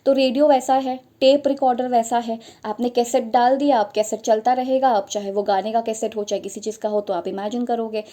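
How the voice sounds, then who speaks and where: A woman's voice: fairly high pitch, fairly even intonation, fairly quick, hardly any pauses, mellow. A young adult woman tutoring for teaching exams, explaining step by step in a spoken lesson, often repeating her points and slipping in English phrases.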